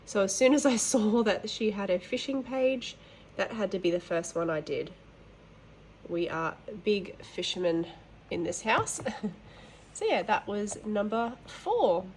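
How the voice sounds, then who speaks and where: A woman's voice: medium pitch, sing-song, a little slow, a little hiss or hum. A woman hosting a colouring channel from home, chatting casually with rambling, apologetic asides and a nasal voice from hay fever. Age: adult, mother of boys. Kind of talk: casual show-and-tell chat.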